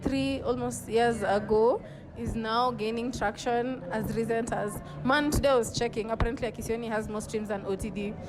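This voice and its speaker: A woman with a Kenyan accent hosting a casual interview in an excitable way, mixing in some Swahili. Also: fairly high pitch, moderate pace. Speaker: interviewer and host. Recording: music playing behind the voice.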